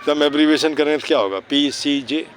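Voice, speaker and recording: Teaching children casually outside near a city park, this cleanliness volunteer speaks on the high side and fairly quickly, with slight background noise. He slips English words and phrases into his Hindi, recites rhyming slogans, and keeps checking with tag questions that they've understood.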